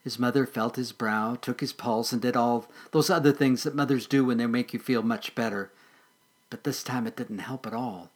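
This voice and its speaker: A man reading a children's story aloud as a storyteller, gentle and expressive, slowing and softening for sad parts. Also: medium pitch.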